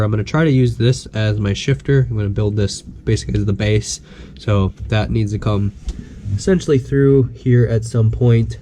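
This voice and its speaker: A man's voice: mid-range voice, warm tone, a little hiss or hum. A sick man with a nasal, stuffy voice hosts a casual car-build vlog from his home workshop shed and explains each step as he works. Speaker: host.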